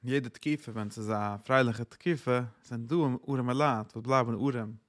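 Guy giving a torah talk, middle-pitched voice, earnest singsong preaching. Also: normal speed, fairly bright tone. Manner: earnest, singsong preaching that swells when quoting verses. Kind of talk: Torah sermon.

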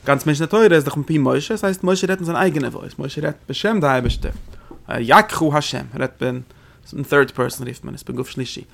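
Gravelly-voiced man teaching a text lesson. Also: fairly high pitch. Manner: rapid explanatory delivery with rhetorical questions. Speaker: Torah teacher. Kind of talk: lecture explaining religious texts.

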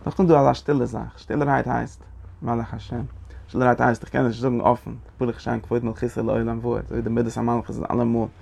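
Gravelly man teaching in a halting way. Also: mid-range voice, flat delivery, a little mellow, a little hiss or hum. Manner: halting, repeats phrases, mixes Yiddish and Hebrew terms into German. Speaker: Torah teacher. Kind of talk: Talmudic study lecture.

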